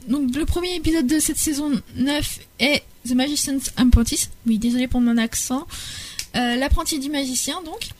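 A woman's voice: sits high, moderate pace. A young woman presenting a podcast segment in casual chat, hesitant, with many restarts and fillers. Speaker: podcast columnist.

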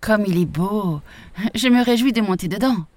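A woman reading a storybook voices an excited, boastful older boy, raising her voice higher. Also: moderate pace, no echo, close to an everyday voice.

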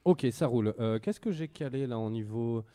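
A man's voice: mid-range voice, expressive, moderate pace, warm tone, no echo. A man hosting a casual radio show about video games, slangy and rambling with lots of fillers. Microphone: studio microphone.

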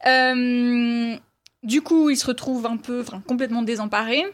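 A woman's voice: a little high, steady tone, moderate pace. A woman reviewing a film in casual talk, hesitant, with many fillers and restarts.

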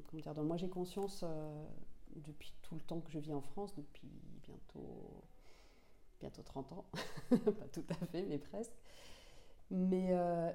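A woman in her forties speaks in a low, very dark and mellow voice. She answers an interviewer thoughtfully, pausing often and restarting her sentences as she searches for words. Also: vocal fry. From Finland, raised in Senegal. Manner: thoughtful, many hesitations and restarts. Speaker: author being interviewed.

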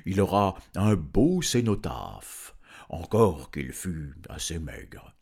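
A man's voice: sits low, big pitch swings, darkish tone, breathy edge, full character voice. Chrysophylax, a man doing a wheedling dragon. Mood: pleading. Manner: drawn-out, pleading and haggling. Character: a cowardly, wheedling old male dragon bargaining for his life. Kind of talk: audiobook reading.

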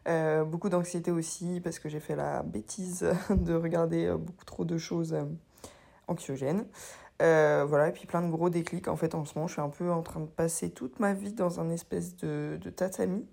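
A young woman with a hoarse, honking voice after being ill, talking casually and hesitantly about herself as a solo podcast host. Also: on the low side, steady tone, normal speed, mellow. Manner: hesitant, rambling, self-deprecating. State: hoarse with a lingering cough after illness. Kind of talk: casual confessional solo talk.

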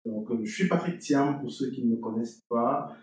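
A young man from Cameroon speaks at medium pitch and a steady pace as a podcast guest. He tells his story earnestly, repeating words while he thinks, in a conversational interview. The recording sounds distant and echoey.

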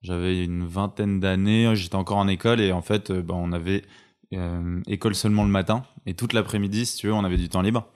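A man's voice: deep voice, steady tone, fairly quick, darkish tone. A man in his twenties telling his story as a podcast guest, casual and chatty with many fillers. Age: 20s. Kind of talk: casual interview.

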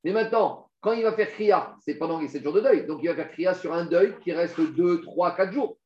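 This Talmud teacher's voice is high-pitched and darkish, moving at a moderate pace. He reads passages in Aramaic and walks through them step by step, raising questions only to answer them himself, in a dull, echoey room recording.

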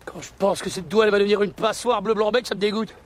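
An actor with a Belgian French accent playing a bigoted, hot-tempered customs officer who snarls threats. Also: male voice, high-pitched, fairly even intonation, fast talker, slight background noise, natural voice. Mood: contemptuous. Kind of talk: film dialogue.

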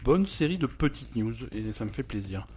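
A man's voice: medium pitch, very animated, moderate pace, darkish tone, soft background music. A young adult man, co-hosting a casual gaming podcast, rambling with restarts and joking asides. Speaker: podcast co-host presenting the news.

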